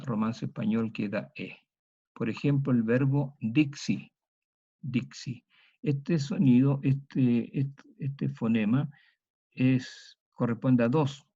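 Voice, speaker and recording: A middle-aged man giving a university lecture, working through each example methodically and repeating the key words slowly. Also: medium pitch, dark tone, muffled recording. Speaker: teacher.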